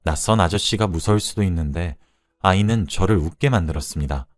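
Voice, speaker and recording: A man in his late thirties narrates his own story in a calm, reflective, confessional way. His voice sits very low and is recorded dry and close. Soft music plays faintly behind him. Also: fairly quick, no echo. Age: 30s. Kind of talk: first-person storytelling narration. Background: faint background music.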